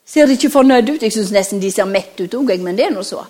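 A woman preaching to children, telling a Bible story in an animated, slow and emphatic way, sometimes dropping to a whisper. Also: medium pitch, breathy edge.

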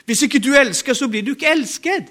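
A man's voice: extremely high pitch, expressive, pushed and bright. A man with a Norwegian accent preaching a sermon, emphatic and urging the congregation to respond.

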